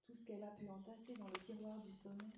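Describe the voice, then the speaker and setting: A woman comedian telling a deliberately garbled fairy tale and a comic monologue in a deadpan way. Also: mid-range voice, background noise. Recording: echoey stage from a distance.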